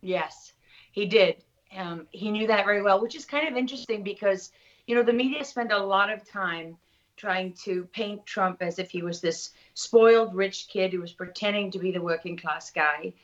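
Here an interview guest, a middle-aged South African woman from Durban, tells reflective anecdotes in conversation. Her voice sits in the mid-range and moves at a moderate pace, heard through slightly dull, lo-fi sound.

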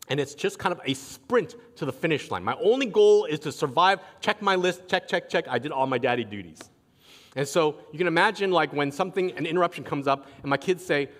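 A fairly high-voiced man preaches with animated storytelling, slipping into the voices of the people in his stories. His words ring out with a long reverb, as in a large church sanctuary. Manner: animated storytelling, acting out quotes. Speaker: pastor. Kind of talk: sermon.

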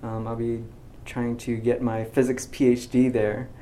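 This graduating physics student from the United States, a young man in his twenties, sounds soft-spoken and hesitant in a casual interview, often saying um and restarting. He talks unhurriedly in a monotone, mid-range voice, with slight background noise.

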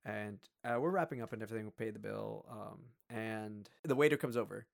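Animated young man telling a story. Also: fairly low pitch, a little fast, gravelly. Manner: animated, acts out quoted voices, many fillers. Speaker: podcast co-host. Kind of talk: casual storytelling.

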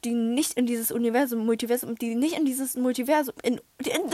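A young woman hosting a podcast in casual chat, excitable, with dramatic outbursts and English slang thrown in. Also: on the high side, fairly quick. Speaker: podcast host.

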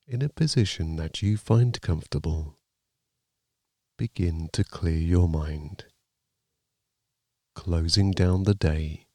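A man narrating a guided sleep meditation like a sleep story, in a calm, soothing, gently measured manner. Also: deep voice, no room sound, studio quality.

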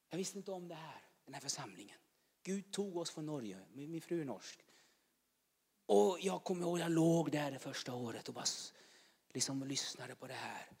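A man preaches charismatically in a church hall, his voice ringing with a long reverb. He chants repeated phrases in a rhythmic cadence that build to loud proclamations, then drops to quiet, personal speech. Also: a little high, vocal fry, breathy edge. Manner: rhythmic chanting repetition, rising to shouts.

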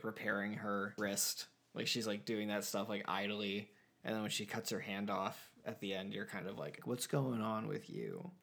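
A man talks through a film with his co-host in a loose, rambling way, dropping "like" into nearly every phrase. His voice sits at an ordinary middle pitch, and the talk stays relaxed and unscripted. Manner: rambling, heavy on filler "like". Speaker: podcast co-host. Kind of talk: casual movie discussion.

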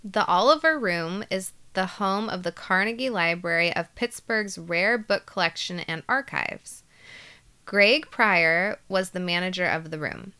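A woman co-hosts a casual podcast with a bright, sharp tone. Her voice is smooth and crisp. She chats loosely with plenty of fillers and laughs easily as she recaps a story. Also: on the low side, unhurried. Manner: chatty, laughs easily, uses many fillers. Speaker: podcast co-host.

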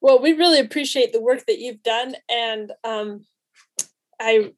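A woman hosting a podcast, speaking casually and appreciatively in a halting way. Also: on the high side, dry recording. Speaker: podcast host. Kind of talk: casual interview talk.

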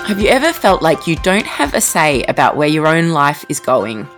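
Low-voiced, lively podcast host woman. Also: moderate pace, faint music behind. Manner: expressive, storytelling delivery. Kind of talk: scripted podcast narration.

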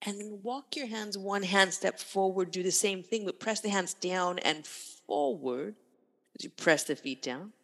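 A woman instructor guiding a yoga class with calm, unhurried cues in short, breath-led phrases. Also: medium pitch. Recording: long reverberant room echo.

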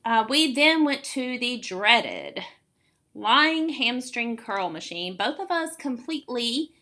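In her late forties, this fitness podcast host coaches listeners with casual, encouraging explanations, stressing points by repeating words. She speaks slowly but very animatedly, with a fairly high pitch and a sharp tone.

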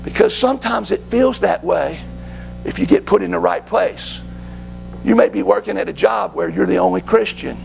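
Male preacher, fervent, high-pitched, very gravelly, for church sermon work. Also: moderate pace, a little hiss or hum, low-quality recording. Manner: fervent, dropping to hushed whispers.

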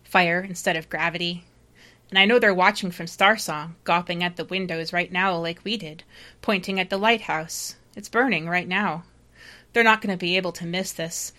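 A woman playing a panicked, doomed lighthouse keeper in space, delivering a halting, confessional distress-call monologue. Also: on the low side, steady tone, sharp tone. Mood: desperate, exalted. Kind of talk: dramatic first-person monologue read aloud.

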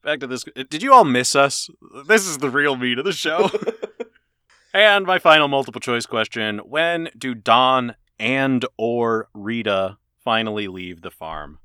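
A man's voice: medium pitch, animated, measured pace, bright, forceful tone, clear, resonant tone, no echo, clean studio sound. A man co-hosting a podcast in casual chat, rambling through jokey stories and laughing often. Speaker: podcast co-host.

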